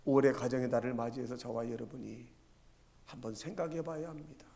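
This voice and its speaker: A man's voice: mid-range voice, fairly even intonation, fairly quick, gravelly, dark tone. A male pastor preaching a sermon, telling stories and asking the congregation rhetorical questions. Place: church sanctuary. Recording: long church reverb.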